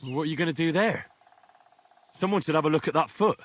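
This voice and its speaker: A man's voice: on the high side, fairly quick, dry recording, natural voice. A male actor playing a plain-spoken, helpful young medieval traveller in a video game, with a wry edge. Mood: businesslike. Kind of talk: video game character acting.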